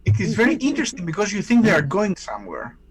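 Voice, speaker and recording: A man playing a tabletop game, joking and making quick asides. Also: high-pitched, huge pitch swings, crowd noise. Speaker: player. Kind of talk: casual tabletop play.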